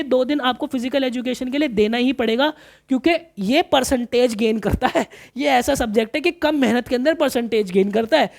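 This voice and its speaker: A man coaching commerce students through exam planning in a casual, chatty way, often repeating himself and calling listeners brother. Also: very high voice. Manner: chatty, repeats phrases, calls listeners brother, mixes in English terms.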